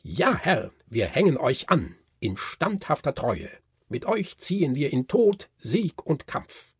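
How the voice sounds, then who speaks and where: A man's voice: fairly high pitch, very animated, slow pace, breathy edge, no room sound, clean studio sound, pitched above the performer's own voice, exaggerated voice. A man playing eager loyal toy soldiers. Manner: shouting an oath in unison.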